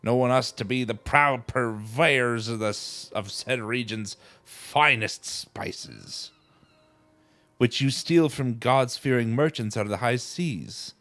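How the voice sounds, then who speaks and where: A man voicing a gruff male pirate captain, growling pirate talk while reading game dialogue aloud. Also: mid-range voice, takes it slowly, fairly bright tone, dry recording.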